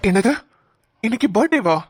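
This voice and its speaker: A woman's voice: fairly high pitch, expressive, normal speed, a little mellow, slightly rough, faint music behind. A woman voicing a young male police officer who reassures and protects his partner in a cartoon. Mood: caring. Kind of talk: cartoon voice acting.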